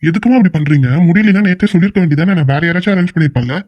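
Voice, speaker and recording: Guy voicing a hot-tempered cartoon boss on set, talks super fast, dry flat recording. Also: on the high side, no echo, lo-fi sound, close to an everyday voice. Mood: scolding. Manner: rapid, scolding, exasperated questions. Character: stern male film-shoot manager, adult, quick-tempered. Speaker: shoot manager scolding staff. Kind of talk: Tamil animated short voice acting.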